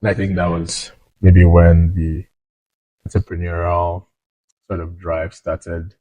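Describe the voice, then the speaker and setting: A young man from Nigeria, a founder guest in an interview, speaking modestly and relaxed, with many fillers. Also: sits low, slow pace, no echo, dull audio. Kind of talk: casual interview chat.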